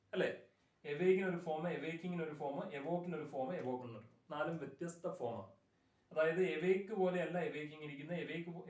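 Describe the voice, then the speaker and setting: A man's voice: a little high, far from the mic. Man teaching grammar in an echoey room. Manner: patient, repeats word forms and checks understanding. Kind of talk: classroom grammar lesson.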